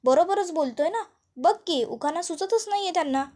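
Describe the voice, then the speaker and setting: A woman's voice: very high-pitched, expressive, moderate pace, a little mellow, pitched above the performer's own voice. A woman voicing a sarcastic older man who mocks the bride. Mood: sneering. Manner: sarcastic, needling. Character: sneering older man, a mocking relative.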